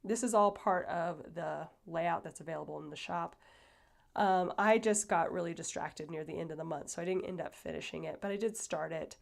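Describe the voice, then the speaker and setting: Casting: woman vlogger, slightly low voice, stuffy and breathy, rambling casual chat. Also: normal speed. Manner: chatty, rambling, lots of fillers. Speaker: planner channel host. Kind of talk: casual planner flip-through.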